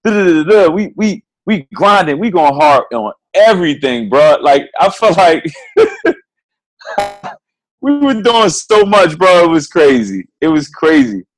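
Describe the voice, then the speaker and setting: A man's voice: fairly high pitch, very animated, measured pace, low-quality recording. A man in his twenties co-hosting a podcast, talking in a heartfelt, motivational way with casual slang. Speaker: podcast co-host.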